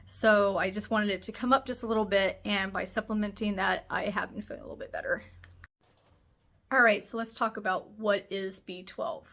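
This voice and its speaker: A woman's voice: mid-range voice, steady tone, moderate pace, a bit bright. A woman hosting a health channel, talking casually to camera in a chatty, rambling way, sounding nasal and congested.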